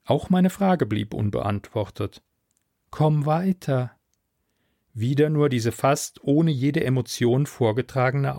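A man narrating a story in the first person, in a measured, deliberate way. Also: medium pitch, creaky, darkish tone, no room sound, clean studio sound. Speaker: audiobook narrator.

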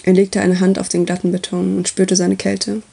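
A woman reading a story aloud as its narrator, with steady, even delivery. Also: fairly low pitch, normal speed, vocal fry, breathy edge.

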